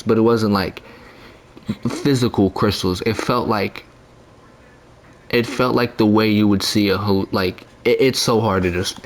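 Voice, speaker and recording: A young man telling a story casually into his own mic, rambling with lots of fillers, slang and profanity. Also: fairly low pitch. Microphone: own desk mic.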